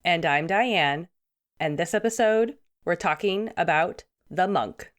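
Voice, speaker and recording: A woman's voice: lowish voice, slow pace. A woman co-hosting a podcast, chatty and self-mocking, her voice still sick. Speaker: podcast co-host. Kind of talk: casual podcast chat.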